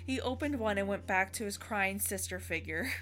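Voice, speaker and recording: A woman's voice: mid-range voice, animated, moderate pace, heavy background noise. A woman reading a story aloud as narrator, with casual asides. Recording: music under the voice.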